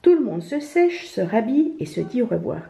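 A woman reading a children's picture book aloud in a gentle storytelling manner. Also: on the high side, big pitch swings, brisk, gravelly. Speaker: storybook reader. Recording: roomy, slightly dull home recording.

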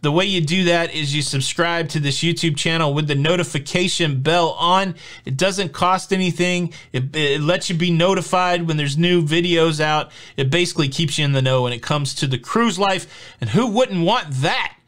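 In a home studio decorated with shelves of collectibles, a man in his forties presents a casual news vlog. His voice is on the high side and fairly bright, his pace moderate, and he keeps things chatty, upbeat, and jokey with plenty of fillers.

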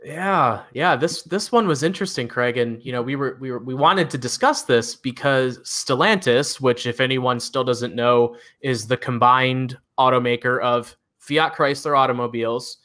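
Medium-pitched and sharp, this man's voice moves at normal speed with few pauses. As co-host of a car news recap, he chats eagerly in a Midwestern American accent, laughing and using fillers often.

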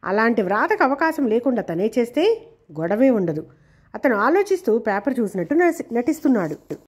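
A woman storyteller reading a serialized novel in a steady, measured way. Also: on the high side, slightly rough. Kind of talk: scripted narration of a serialized novel.

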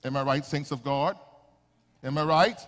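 A man preaching a sermon, calling out to the congregation and swinging between shouts and quiet asides. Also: on the high side, normal speed, in a large hall. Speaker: pastor. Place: church sanctuary.

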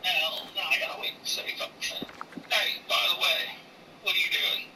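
A woman's voice: on the low side, steady tone, a little fast, distant mic, noisy background. A woman in her forties chatting casually while streaming a game, blunt and profane and teasing, turning preachy when she talks about faith. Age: 40s. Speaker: gaming streamer.

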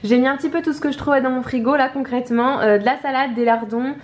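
A woman's voice: high voice, fairly even intonation, fast talker. A young woman vlogging casually at home, chatty and rambling with many fillers. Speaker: beauty vlogger. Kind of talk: casual vlog chat. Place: at home, indoors. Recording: echoey room.

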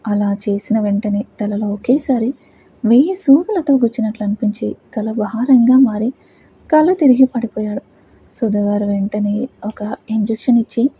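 A woman storyteller reading a dramatic story aloud in a steady narration. Her voice is very husky and breathy, with a dark, mellow tone. It sits a little high for a woman. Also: poor audio.

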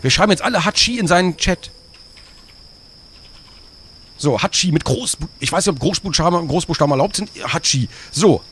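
A man's voice: fairly high pitch, lively intonation, moderate pace, pauses often, a bit bright, slight background noise. A man streaming live, joking with his chat in a playful, teasing way.

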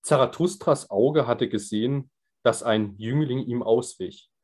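A man reading a literary text aloud in a measured way, with small stumbles and repeats. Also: medium pitch, darkish tone, slightly rough. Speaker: reader.

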